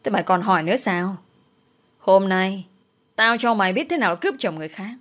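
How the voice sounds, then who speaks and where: A woman's voice: mid-range voice, animated, brisk, a bit bright, natural voice. A woman voicing a furious middle-aged woman who screams accusations. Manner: screeching accusations.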